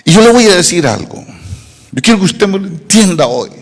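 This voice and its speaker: Lively preacher, echoey hall. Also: male voice, high voice, fairly quick. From Costa Rica. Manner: emphatic preaching with repeated rhetorical questions. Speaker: pastor. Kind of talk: sermon.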